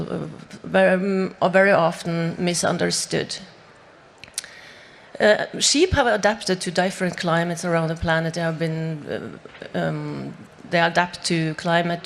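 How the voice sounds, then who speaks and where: A woman's voice: fairly low pitch, unhurried, creaky, slight background noise. A woman from Norway, a native Norwegian speaker, talking on a panel with many fillers and restarts. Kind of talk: panel discussion.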